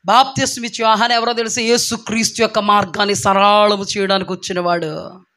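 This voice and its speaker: Very high-pitched, bright male preacher. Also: flat delivery, a little fast. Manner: preaching with many rhetorical questions to the congregation; emphatic, repeating phrases for stress. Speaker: pastor. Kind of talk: sermon.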